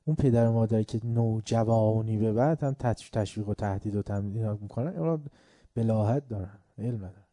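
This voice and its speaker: A man lecturing on faith and upbringing in a deep, very dark and mellow voice, recorded close and dry. He hammers home lists of words, throws out rhetorical questions and slips into acted voices for his anecdotes. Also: dry recording. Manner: emphatic, repeats word lists, asks rhetorical questions; tells folk anecdotes, acting out the characters.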